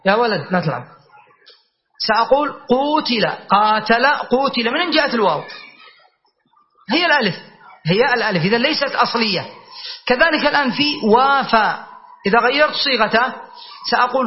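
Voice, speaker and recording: A man teaching an Arabic grammar class, explaining rules, reciting verse lines slowly and quizzing his students. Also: very high-pitched, lo-fi sound. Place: classroom with a board.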